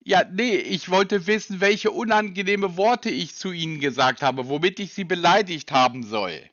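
A man's voice: high voice, moderate pace, fairly bright tone, no echo. A man on a phone call, questioning a sales agent insistently and with sarcasm. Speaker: person being called by a sales agent.

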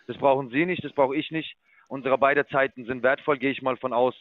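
A man's voice: medium pitch, steady tone, fairly quick, no echo. Condescending man on a dull phone line. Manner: condescending, lecturing. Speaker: investment sales caller. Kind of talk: phone sales call.

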